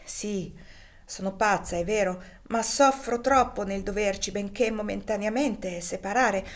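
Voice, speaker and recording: Woman reading a tender hopeful young mom, emotional, audiobook style, mid pitch. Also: unhurried, lightly acted. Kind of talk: audiobook dialogue.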